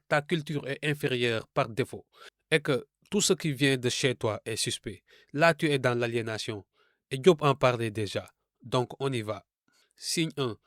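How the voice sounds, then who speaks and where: A man from francophone Africa delivers a scripted commentary in a medium-pitched voice. His manner is didactic and rhetorical, and he addresses the listener directly. The sound is dry and close, with no room around it. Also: fairly bright tone, dry recording. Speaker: video essayist.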